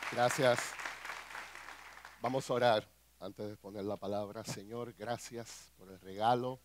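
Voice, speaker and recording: A man, a pastor and counselor, praying earnestly and then teaching a conference workshop in a measured way. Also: on the low side, fairly even intonation, a crowd in the background, background noise.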